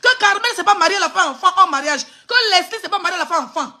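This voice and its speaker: A woman's voice: very high voice, lively intonation, rapid-fire, sharp tone. A woman with an Ivorian French accent on a phone live stream, hurling insults and mocking laughter in an angry rant.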